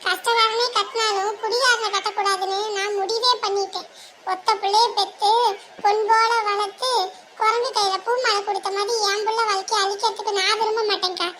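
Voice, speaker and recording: A woman's voice: extremely high pitch, steady tone, a little fast, background noise. An actress playing a weary mother who firmly refuses a marriage proposal for her daughter in a family drama. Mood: pleading. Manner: pleading yet firm, sends guest away. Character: weary mother fed up with her drunk husband.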